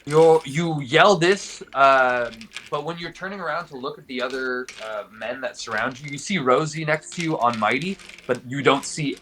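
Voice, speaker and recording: A man's voice: mid-range voice, normal speed, fairly bright tone, slight background noise, poor audio. A man narrating a tabletop game as game master, improvising vivid descriptions in colloquial language.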